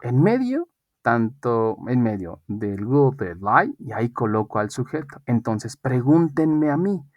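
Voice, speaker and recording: A man's voice: mid-range voice, big pitch swings, no echo, highs cut off. Patient Spanish-speaking male English teacher. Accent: Mexican Spanish. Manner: slow, deliberate model sentences in English; patient, encouraging, checks with "¿ok?". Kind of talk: online class instruction.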